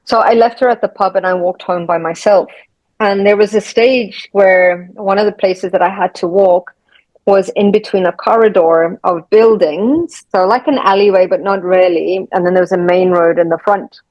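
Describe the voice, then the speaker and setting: A woman's voice: medium pitch, fairly even intonation, normal speed, no echo. Woman, podcast host, storytelling, young adult, muffled lo-fi sound. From South Africa. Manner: storytelling, reflective. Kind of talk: casual conversation. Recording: dull, dry sound.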